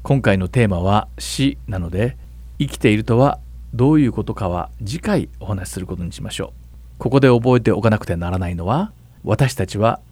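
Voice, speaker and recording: Pastor guy calmly explaining the bible, asks his partner to read verses, dry close mic. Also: fairly low pitch, husky, no room sound. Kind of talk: Bible Q&A teaching.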